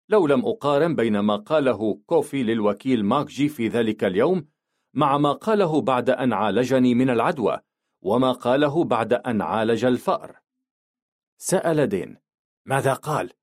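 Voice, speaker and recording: A man's voice: mid-range voice, a little mellow. Man narrating a novel audiobook.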